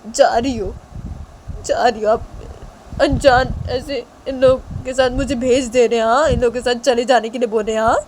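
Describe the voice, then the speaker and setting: A woman's voice: mid-range voice, expressive, a little slow, long pauses, darkish tone, a little hiss or hum, natural voice, poor audio. A woman voicing a hurt young woman who tearfully and defiantly repeats that she is leaving for good.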